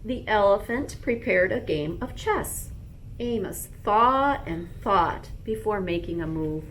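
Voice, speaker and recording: Female storyteller, school-librarian type, mid-pitched, very slow and expressive read-aloud for small children. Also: slight background noise, rough recording.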